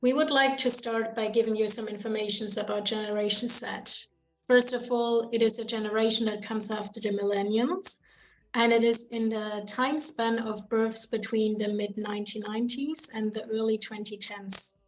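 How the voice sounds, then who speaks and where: Young woman host from Germany, higher voice, measured reading over faint music. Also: steady tone, low-quality recording. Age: young adult. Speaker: podcast host. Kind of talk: student podcast, read from notes.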